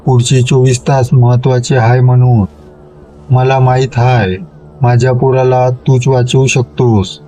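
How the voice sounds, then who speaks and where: Desperate village father, pleading, tearful, rural speech, flat low delivery, storybook, voiced by a man. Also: measured pace, slight background noise, close to an everyday voice. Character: desperate village father begging for his son.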